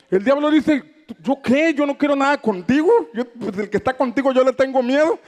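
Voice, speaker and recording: A man preaching a sermon, fervent and declamatory, raising his voice for emphasis. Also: high-pitched. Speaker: pastor.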